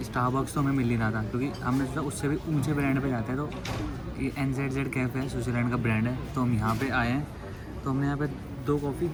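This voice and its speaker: A young man vlogging his trip, talking casually and excitedly to viewers as he moves through airports and onto planes. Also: medium pitch. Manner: chatty, excited, addresses viewers as guys. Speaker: travel vlogger. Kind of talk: casual travel vlog. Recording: loud airport and engine noise.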